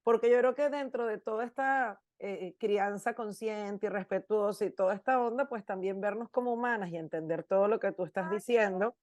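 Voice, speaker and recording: A woman's voice: medium pitch, moderate pace, hardly any pauses, a little mellow, dry recording. Woman asking informal questions. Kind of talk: podcast conversation.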